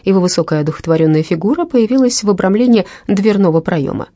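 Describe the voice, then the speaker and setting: A woman reading a novel aloud as narrator, with expressive, lively intonation. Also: medium pitch, quick pace, no echo, studio quality. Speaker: audiobook narrator. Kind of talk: scripted literary narration.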